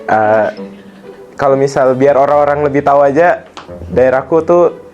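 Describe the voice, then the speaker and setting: Mahasiswa pria muda dari Ambon yang kalem. Nadanya sedang, dengan suara yang agak tumpul. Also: male voice, mid-range voice, moderate pace, darkish tone, dull audio, soft background music. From Ambon, Indonesia. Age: young adult. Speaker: university student. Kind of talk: casual interview answers.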